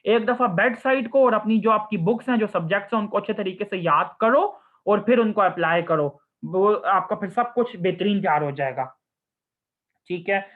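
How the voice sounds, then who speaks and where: This high-voiced young man, a surgery resident, talks at normal speed while casually advising students and answering their questions. His Hindi-Urdu is mixed with English, he addresses the listeners as "children," and "ठीक है" comes up again and again. The audio sounds narrow, like a phone line.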